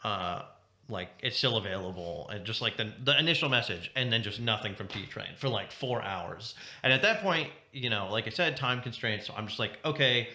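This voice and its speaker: Young guy on a podcast, bright voice, roomy echo, laughs a lot telling stories. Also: fairly low pitch, moderate pace. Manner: animated storyteller, laughs often, rambling asides. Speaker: podcast co-host. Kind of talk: casual chat.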